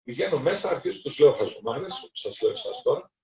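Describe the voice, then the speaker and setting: Storytelling priest in a roomy hall. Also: male voice, fairly high pitch. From Greece. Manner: lively anecdotal storytelling, acting out dialogue. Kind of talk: storytelling sermon talk. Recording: roomy, distant, dull lo-fi recording.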